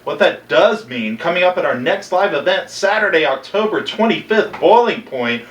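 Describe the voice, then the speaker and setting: A man hosts a wrestling show, running through the upcoming card in a smooth announcer's delivery. His voice is a little high. He sounds far from the mic in an echoey room. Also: lively intonation, moderate pace, a bit bright, a little hiss or hum. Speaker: show host.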